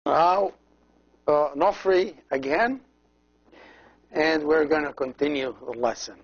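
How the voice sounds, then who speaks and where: A man teaching a language lesson as a priest, slowly repeating each word and explaining how every letter is pronounced. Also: a little high, breathy edge. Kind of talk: slow, patient language lesson. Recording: dull lo-fi recording.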